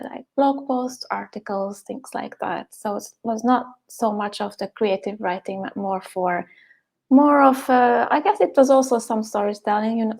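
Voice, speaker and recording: A woman's voice: a little high, creaky, darkish tone. A woman from Hungary, a poet and guest, chatting casually in an interview over a video call and laughing often.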